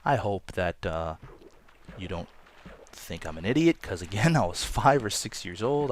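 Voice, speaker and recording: A man with a lowish voice that swings widely up and down as he tells a story. He rambles in a casual, chatty way and pokes fun at himself while hosting a Let's Play. A faint hiss sits under his voice. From Toronto, Canada. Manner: chatty, rambling, self-deprecating. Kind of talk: casual storytelling over gameplay.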